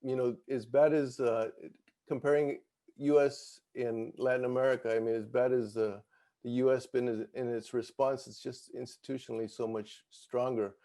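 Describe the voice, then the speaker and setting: A man's voice: medium pitch, flat delivery, normal speed, warm tone. A man speaking as a panelist in an online discussion, hesitant with many fillers.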